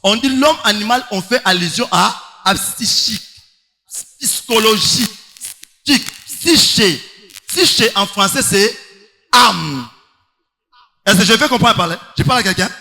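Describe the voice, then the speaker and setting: A man's voice: high voice, animated, a little slow, gravelly, long pauses, sharp tone. A man preaching a sermon, emphatic, with rhetorical questions and sing-song stretches. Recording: long hall reverb.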